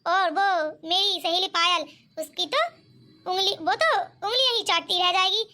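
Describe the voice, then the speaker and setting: A woman's voice: very high voice, moderate pace, pushed and bright. A woman voicing a bossy, proud middle-aged mother-in-law in a cartoon, speaking in a commanding and boastful way. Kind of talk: cartoon voice acting.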